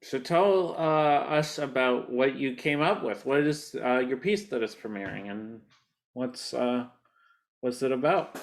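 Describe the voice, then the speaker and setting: Male interviewer, mid-pitched, halting friendly questions. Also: vocal fry. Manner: hesitant, filled with "uh" and "um".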